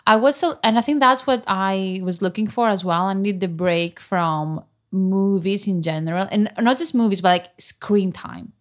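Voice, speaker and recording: A woman's voice: mid-range voice, moderate pace, hardly any pauses. A woman from Greece co-hosting a casual film podcast, talking in a chatty way full of "like" and restarts. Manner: chatty, hesitant restarts, lots of "like". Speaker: podcast co-host. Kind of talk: casual chat.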